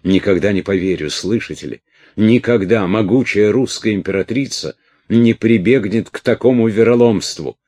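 A man reading aloud and voicing a furious, ill young captive princess with shrill, scornful outbursts. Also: expressive, measured pace, a little mellow, breathy edge, heavily acted. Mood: enraged.

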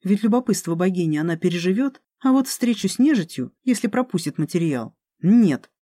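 An audiobook narrator reading a fantasy story with an even storytelling delivery. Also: medium pitch, a little fast, dry recording.

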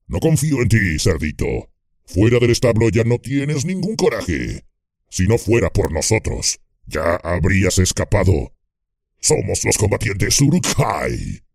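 A man voicing a gruff, domineering male orc captain in an audiobook, with a hoarse, growling voice and a blunt, commanding manner. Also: on the low side, sing-song, measured pace, a little mellow, no room sound, clean studio sound, full character voice. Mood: boastful. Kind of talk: audiobook character voice.

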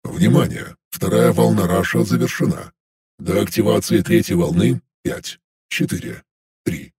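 Guy doing a calm machine announcer voice, low and real husky, reads countdowns steady and flat. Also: a little slow, exaggerated voice. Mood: calm announcing. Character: calm male game-system announcer voice, flat and official. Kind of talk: audiobook narration.

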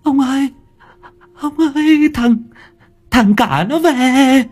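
A man voicing a frightened older village wife, whimpering and tearful in a high put-on voice. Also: slow pace, darkish tone, faint music behind. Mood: sobbing, frightened. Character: sobbing terrified older village wife, a woman.

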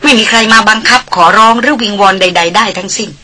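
Woman reader voicing a haughty, decisive young aristocrat for an audiobook, sharp and raised. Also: medium pitch, lively intonation, fast talker, background noise, voice pushed up, natural voice. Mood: firm.

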